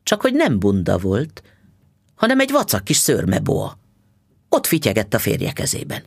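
A man narrating a story in an expressive, audiobook style. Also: on the low side, gravelly, slightly rough, dry recording, clean studio sound.

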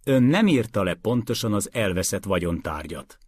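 A man reading aloud, voicing a calm, dry-witted male lawyer who speaks in a measured, firm way. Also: on the low side, no room sound.

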